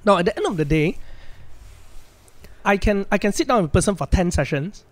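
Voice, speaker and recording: Malaysian guy explaining stuff casually, plain-spoken, bit higher voice, super dry close mic. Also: lively intonation, moderate pace, dry recording. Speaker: financial planner, podcast guest.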